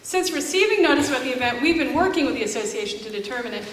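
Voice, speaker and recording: Her voice is high, expressive and rapid-fire as this middle-aged American family doctor turned activist speaks to an audience with sarcasm and exasperation. It's a live concert event held in a church, captured from a distance in a noisy, echoing hall.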